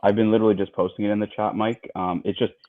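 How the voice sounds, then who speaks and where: A low-voiced man chats in a loose, easygoing way as he co-hosts a livestream, repeating himself and filling gaps with ums. His voice comes through a thin, phone-like line. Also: racing. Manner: relaxed, chatty, many fillers and repeats. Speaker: livestream co-host. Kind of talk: casual livestream chat.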